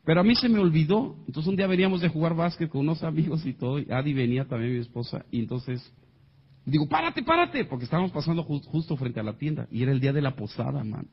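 A man's voice: a little high, fast talker, husky, dull audio. A man with a Mexican accent telling a comic personal story to an audience, acting out the voices of the people in it. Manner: animated, acts out quoted voices.

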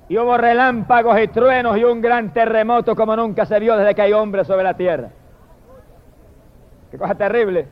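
A man preaching a fiery sermon, swinging from shouted hallelujahs to low murmured praise. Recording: dull lo-fi recording.

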